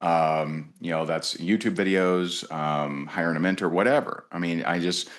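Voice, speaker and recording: Low-voiced man telling sales stories. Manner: animated storyteller, acts out quoted voices, many restarts. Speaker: podcast guest, sales leader. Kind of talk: casual storytelling interview.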